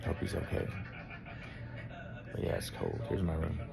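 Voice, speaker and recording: Gravelly, low-voiced nervous man in his fifties. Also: big pitch swings, moderate pace, a loud crowd. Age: 50s. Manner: nervous, rambling, self-deprecating. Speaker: vlogger. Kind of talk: casual video diary. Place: car, then hospital room.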